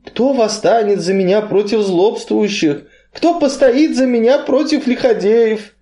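A man's voice: unhurried, mellow. A man doing a timid, pleading young man. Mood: fearful. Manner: timid, pleading, high and quavering.

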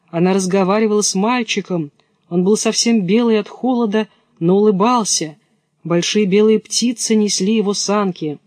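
A man reading the part of a quiet reindeer who speaks slowly and haltingly. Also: high-pitched, dry recording, studio quality, close to an everyday voice. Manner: slow, halting. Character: quiet slow-spoken reindeer.

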